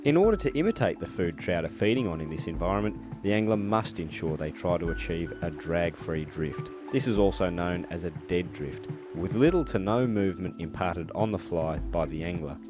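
A man with a very deep voice gives calm, measured documentary narration. He explains each step steadily, like a scripted voice-over. Loud music plays under his voice throughout.

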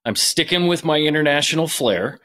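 A man's voice: on the high side, lively intonation, brisk, bright, forceful tone. A man in his thirties co-hosting a casual podcast over a video call from his workshop, easygoing with dry humor. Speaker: podcast co-host. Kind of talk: casual chat. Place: home workshop. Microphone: headphones and studio mic on video call.

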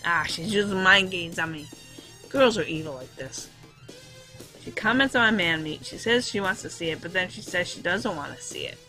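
A woman's voice: fairly low pitch, expressive, normal speed, pushed and bright, soft background music, poor audio. Woman reading as a flustered teen boy hero. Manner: melodramatic, breathless inner monologue. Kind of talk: reading a visual novel aloud.

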